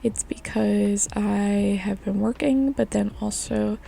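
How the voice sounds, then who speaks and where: A young woman vlogger with a hoarse, raspy voice from a chest illness, chatting casually and rambling through a voice-over. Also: medium pitch, fairly even intonation, slow, mellow. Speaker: craft vlogger. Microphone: voice-over mic.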